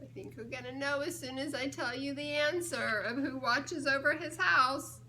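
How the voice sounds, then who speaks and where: The storybook reader, a children's ministry director, uses a high-pitched, sharp-toned voice at a moderate pace while reading a picture book aloud. She asks the young children playful questions, giggling as she coaxes guesses, with slight background noise.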